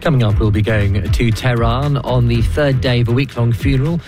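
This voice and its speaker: A man's voice: medium pitch, fairly even intonation, moderate pace, over music. A man presenting radio news, describing live events as they unfold.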